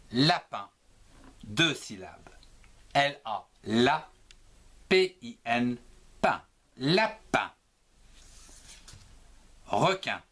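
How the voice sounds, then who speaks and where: Very slow man spelling out syllables. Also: mid-range voice, pushed and bright. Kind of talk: slow spelling lesson for children.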